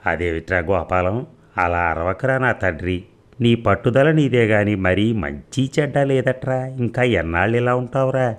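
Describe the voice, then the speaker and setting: Man reading as a fussy old granny, nagging and scolding, low voice. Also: moderate pace, close to an everyday voice. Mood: coaxing. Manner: coaxing then scolding.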